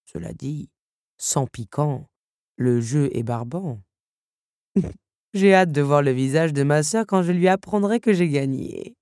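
A woman's voice: low voice, expressive, warm tone, no room sound, clean studio sound. A woman doing a cold, menacing countess villain. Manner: slow, menacing, disdainful. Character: cold cruel noblewoman countess, mocking villain.

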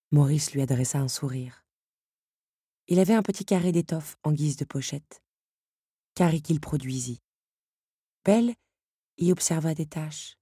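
A woman narrating a story in an expressive storytelling manner. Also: deep voice, slightly rough, no echo, studio quality. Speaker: audiobook narrator. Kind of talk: scripted narration.

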